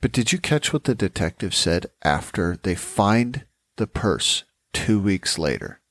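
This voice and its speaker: Man, podcast co-host, casual case talk, lowish pitch, lively swooping intonation, dry sound. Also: a little slow, no echo. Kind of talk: casual true-crime discussion.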